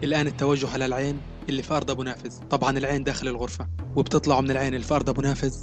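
Male actor as a strict commander: fast, clipped orders, soft music behind. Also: mid-range voice, flat delivery, close to an everyday voice. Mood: commanding. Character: stern male resistance commander, suspicious. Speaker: military commander. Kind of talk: radio drama acting.

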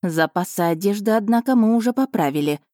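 A woman's voice: medium pitch, animated, warm tone, no echo, clean studio sound, voice pushed up, lightly acted. Woman voicing a sarcastic young heroine. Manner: sarcastic, sulky, quick retorts. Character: sharp-tongued young heroine, stubborn and sarcastic.

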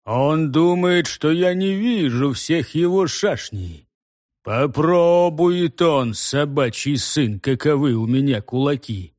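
A man voicing a gruff older village head who threatens in a hoarse half-whisper. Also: fairly high pitch, slow pace, darkish tone, no room sound, studio quality. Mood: menacing.

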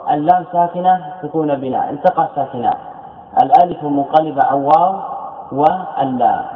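A man teaching a classroom lesson, explaining by repeating his points and asking himself questions. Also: fairly high pitch. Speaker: teacher of Arabic morphology. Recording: echoey hall over a tinny phone-like line.

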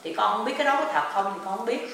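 A woman with a Southern Vietnamese accent telling a family story at a spiritual consultation, quick and tumbling, full of quoted speech. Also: medium pitch, lively intonation, far from the mic. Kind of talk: emotional storytelling. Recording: echoey room, voice from afar, faint noise.

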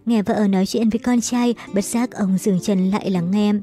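A woman narrates a novel in a steady, measured audiobook reading. Her voice is mellow and soft-edged, and faint music plays quietly behind her. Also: mid-range voice.

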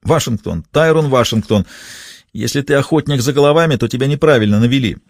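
A man's voice: medium pitch, animated, fairly quick, no echo, voice pushed up. A man reading an audiobook, voicing a scared, evasive young street dealer who whines and pleads. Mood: pleading. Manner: whiny, pleading, speaks through gritted teeth. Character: cornered young male small-time dealer, scared and evasive.

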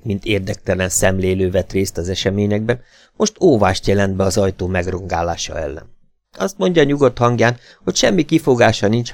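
A man reading a novel aloud as an expressive, dramatic audiobook narrator. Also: fairly low pitch, gravelly, dry recording.

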